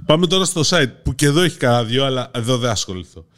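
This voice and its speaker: A Greek man hosts a podcast, working through listener comments one after another. He reads them aloud in an easy, mid-pitched voice and tosses in dry, wry remarks of his own. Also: animated, a bit bright. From Greece. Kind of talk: casual chat.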